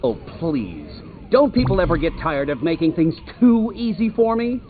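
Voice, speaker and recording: In video game voice acting over music, a male voice plays a cocky, mocking supervillain trickster obsessed with riddles. Highish and boastful, it carries a lively sneer at a moderate pace, captured in a muffled recording with faint noise.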